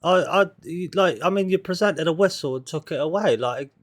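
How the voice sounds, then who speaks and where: A man's voice: a little high, lively intonation, fairly quick, pitched above the performer's own voice, lightly acted. Brash six-year-old boy trader, stammering salesman patter, swears, done by a man. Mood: haggling. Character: cocky six-year-old boy haggler, street-smart.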